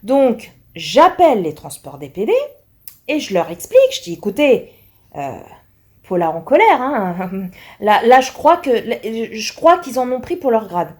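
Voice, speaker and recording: A woman vlogger recording indoors at home, telling a story in a casual, animated and exasperated way, with many fillers and restarts. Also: a little high, a little slow.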